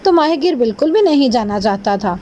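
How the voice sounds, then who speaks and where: A woman storyteller narrating a children's fairy tale with gentle, expressive delivery. Her voice sits high, with faint noise underneath. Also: muffled recording.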